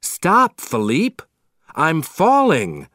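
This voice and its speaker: A storybook reader voicing an old male inventor father, calling out slowly and excitedly. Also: mid-range voice, no room sound, clean studio sound, pitched above the performer's own voice. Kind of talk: storybook reading.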